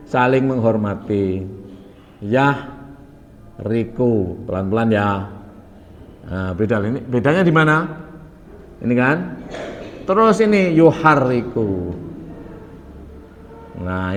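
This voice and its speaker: Animated man lecturing in a hall. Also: medium pitch, a little hiss or hum. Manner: animated, questioning students, mixing in Javanese. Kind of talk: classroom lecture. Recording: long echo of a lecture hall.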